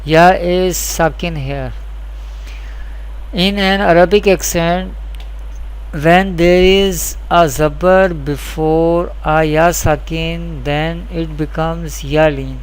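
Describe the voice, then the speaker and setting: In a rough recording, a teacher with a smooth, steady, mid-range voice gives a scripted Quran recitation lesson. Examples are spelled out, and the explanation moves deliberately through repeated questions and answers.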